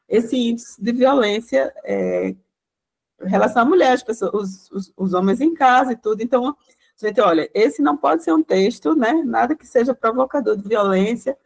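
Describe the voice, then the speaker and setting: This guest lecturer, a project coordinator, has a slightly high, gravelly, somewhat mellow voice and speaks at a moderate pace. She gives an online class talk over a video call, rambling through her explanation with restarts and lots of "né" tags.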